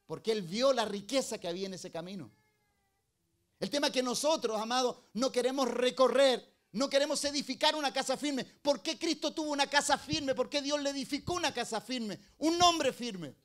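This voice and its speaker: A middle-aged pastor preaches a sermon at normal speed, firing off rhetorical questions. He swings between loud emphasis and low, quiet asides.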